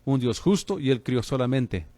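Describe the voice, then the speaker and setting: A man's voice: mid-range voice, animated, moderate pace, warm tone, no room sound. A man preaching on the radio as a pastor and host, fervent and calling listeners brother.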